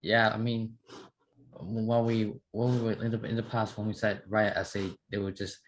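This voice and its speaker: Young man, Burmese accent, lower register, informal chatty student. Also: flat delivery, moderate pace, a little hiss or hum, low-quality recording. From Myanmar. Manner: chatty, informal, frequent "like" and repeated words. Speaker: English student. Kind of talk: casual class discussion.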